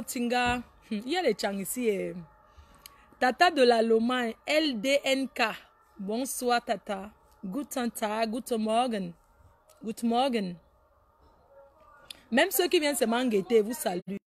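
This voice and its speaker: Animated woman chatting on a live stream. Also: fairly high pitch, measured pace, long pauses. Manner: animated, teasing, laughs often, scolds viewers. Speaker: Facebook live host. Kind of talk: casual live-stream chat reading viewer names.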